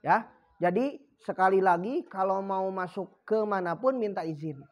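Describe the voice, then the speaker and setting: A woman's voice: medium pitch, normal speed. A woman teaching an Islamic lesson to children, acting out greetings and often checking that they understand. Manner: acts out greetings and examples, asks "paham ya?" often.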